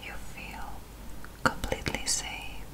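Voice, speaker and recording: A woman guiding an ASMR relaxation hypnosis in a whisper, with a slow, soothing hypnotist delivery and long pauses. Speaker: hypnosis guide.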